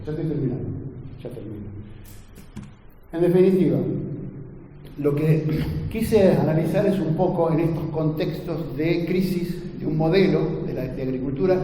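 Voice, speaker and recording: Male lecturer, earnest and engaging, warm slightly high voice, very reverberant hall. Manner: earnest, addresses the audience with frequent tag questions. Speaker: agronomy lecturer. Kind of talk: academic lecture to an audience. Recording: echoey lecture hall, faint ambient noise.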